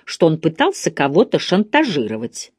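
A woman voicing a shrewd, calm elderly woman sleuth who speaks in a measured, thoughtful way, in an audiobook reading. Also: low-pitched, breathy edge, no room sound, clean studio sound, heavily acted.

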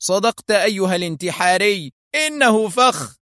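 A man's voice: sits high, normal speed, a bit bright, no room sound, clean studio sound, pitched above the performer's own voice. A man voicing a mocking, stern male intelligence chief in an audio story, with a noticeably raised voice. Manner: sarcastic, stern.

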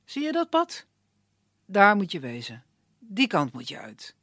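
A storyteller voicing a calm, fatherly older wood gatherer who gives directions in a puppet tale. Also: high voice, measured pace, no room sound, studio quality, voice pushed up, heavily acted.

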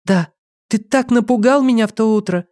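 A man voicing a young waitress in an audiobook, high falsetto and pleading. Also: moderate pace, a little mellow, lightly acted. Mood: firm.

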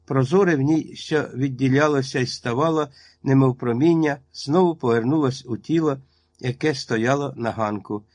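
A man reading a literary story aloud as audiobook narration, with a measured, even delivery. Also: medium pitch, no room sound. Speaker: reader.

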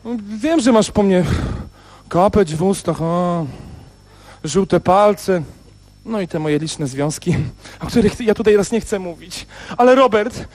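A man's voice: high-pitched, a little slow, a little mellow. A man voicing a jealous, clingy male cigarette who acts like a spurned lover, melodramatic and pleading, in a radio comedy sketch.

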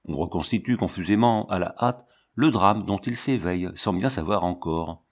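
A man reading a novel aloud in measured, steady audiobook narration. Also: sits low. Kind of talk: scripted literary narration.

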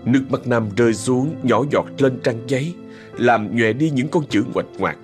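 A man narrating a scripted story in a soft, expressive way. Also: medium pitch, normal speed. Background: faint music.

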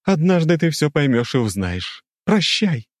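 A man voicing the ghost of an old clan matriarch, speaking slowly and without emotion, in lofty measured phrases. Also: fairly high pitch, no room sound, clean studio sound, voice pushed up. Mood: solemn. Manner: flat, emotionless, like a recording; slow, measured, lofty pronouncements. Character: ancient female ghost, solemn clan matriarch. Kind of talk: audiobook character voice.

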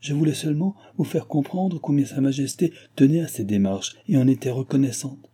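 A man's voice: medium pitch, fairly quick, mellow, slightly rough, voice pushed up, lightly acted. A man voicing a scheming noble countess who speaks with false, honeyed politeness. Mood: probing.

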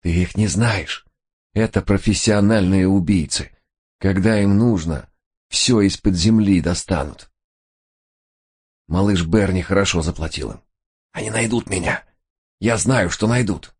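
A man's voice: low-pitched, measured pace, long pauses, darkish tone, slightly rough, heavily acted. A man voicing a terrified, wounded male crook who wails and pleads frantically. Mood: fearful.

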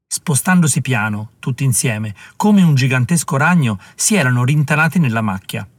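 Male audiobook narrator, mid pitch, dramatic and even; dry booth sound. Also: moderate pace, no echo. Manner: steady dramatic reading. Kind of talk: scripted narration.

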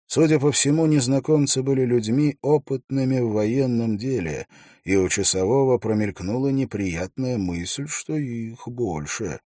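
A man with a medium-pitched voice narrates a fantasy audiobook close to the mic, with no echo. His storytelling is measured and even.

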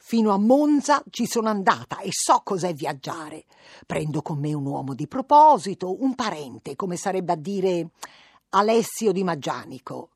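Woman voicing an older peasant mother, anxious, rambling, low husky voice, storybook reading. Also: no room sound, clean studio sound, heavily acted. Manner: earnest, pleading, rambling.

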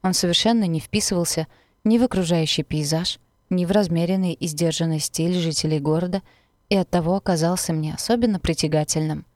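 Low-voiced woman narrating a story. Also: a little fast, darkish tone, no echo. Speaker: audiobook narrator. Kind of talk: first-person story narration.

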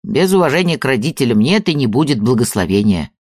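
A man reading an audiobook, voicing a blunt, folksy old rural father who lectures the young. The lines swing from low and grumbling to high and lively, with a dry, close sound. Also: quick pace, no echo. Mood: probing. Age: older. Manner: folksy, lecturing, plain-spoken.

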